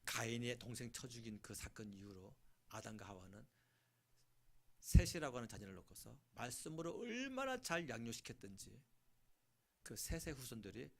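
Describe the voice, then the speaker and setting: A male pastor preaching a sermon, swinging from shouting to hushed asides and acting out scenes. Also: medium pitch, very animated, normal speed, gravelly.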